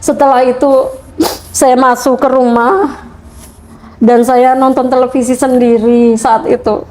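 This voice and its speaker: A woman in her forties from Purwokerto, Indonesia, tells her conversion story in an interview, giving an earnest, heartfelt testimony with hesitant restarts. She speaks at a measured pace in a high-pitched, level, dark-toned voice.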